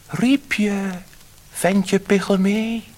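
A man's voice: high voice, steady tone, drawn-out words, darkish tone, voice pushed up, rough recording. A man voicing a silvery little magic fish. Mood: gentle reassuring. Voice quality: silvery, light.

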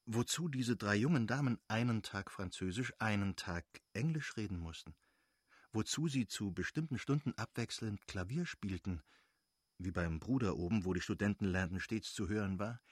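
A man reading a novel aloud as narrator, in a measured, expressive way with a husky voice. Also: on the low side, no room sound, clean studio sound. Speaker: audiobook narrator.

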